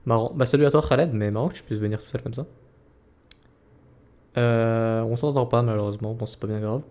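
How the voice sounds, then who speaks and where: A man's voice: mid-range voice, brisk, darkish tone. Casual, slangy man esports caster. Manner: casual slangy, exclaiming, muttering repeated words under tension. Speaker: esports caster commentating a tournament stream. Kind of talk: live esports casting, play-by-play game commentary.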